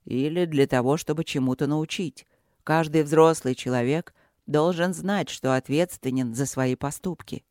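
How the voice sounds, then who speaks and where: A woman doing a calm, serene dragon swordmaster. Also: extremely low pitch, no room sound, clean studio sound, voice pushed down. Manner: unhurried, gently stern. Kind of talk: audiobook character voice.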